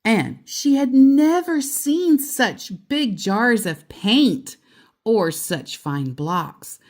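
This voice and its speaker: A woman storyteller reads a children's book aloud in a fairly high voice, with expressive, deliberate, emphatic phrasing and casual asides.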